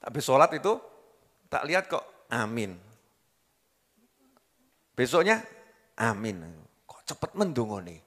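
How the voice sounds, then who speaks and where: A man's voice: fairly high pitch, big pitch swings, moderate pace, a bit bright, long reverb tail. A man with a Javanese accent preaching a sermon, joking and quizzing his audience as he goes. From Java, Indonesia. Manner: jokey, asks the crowd questions, mixes in local dialect.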